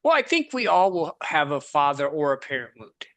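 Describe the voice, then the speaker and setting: A man hosting a podcast, responding to his guest in an affirming, gently reflective way. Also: fairly high pitch, very animated, normal speed. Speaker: podcast host. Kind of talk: conversational interview.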